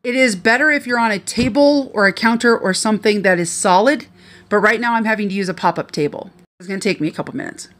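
A woman's voice: mid-range voice, quick pace. A middle-aged woman from the American Midwest, a retired professional chef chatting through a home cooking video into a phone held close in her kitchen. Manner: chatty, animated, instructive.

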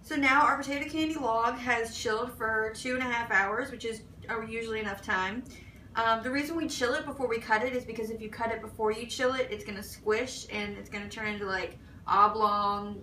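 A woman's voice: fairly high pitch, steady tone, moderate pace, bright, forceful tone, a little hiss or hum, low-quality recording. A woman hosting a casual cooking demonstration, walking through each step in an easygoing, chatty way. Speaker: cooking video host.

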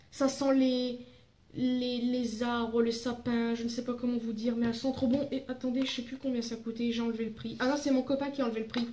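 A woman's voice: a little high, a little mellow, roomy sound. A young woman from France chatting in a casual haul vlog, rambling with fillers and self-corrections. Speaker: beauty vlogger.

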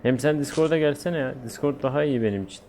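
A Turkish man is live-streaming a game in a medium-pitched voice. He talks informally and uses slang as he chats with viewers. The home recording has clear noise behind him. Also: fast, a little mellow. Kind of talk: casual live-stream gameplay chat.

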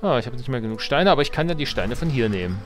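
A male game streamer with an ordinary mid-pitched voice, chatting casually through a strategy game. He jokes, mutters to himself and talks to the screen, with faint game music behind him. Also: lively intonation, rapid-fire. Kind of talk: casual let's-play commentary.

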